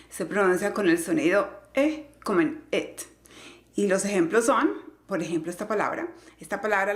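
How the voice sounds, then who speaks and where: A woman who teaches English pronunciation, explaining slowly and carefully and repeating each example word. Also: mid-range voice, roomy sound. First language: Spanish.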